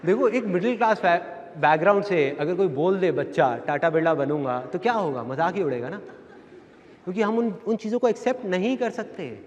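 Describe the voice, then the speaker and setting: Animated man telling stories in a hall. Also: high voice, brisk, muffled recording, a little hiss or hum. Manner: animated, acts out family members' voices. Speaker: motivational speaker. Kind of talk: storytelling seminar talk. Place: large hall with a live audience. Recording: echoey hall with background music.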